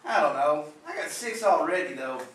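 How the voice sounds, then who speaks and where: A man acting as a reserved, dutiful young Marine son in a school play, giving quiet polite replies. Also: a little high, expressive, normal speed, echoey room, distant mic, low-quality recording.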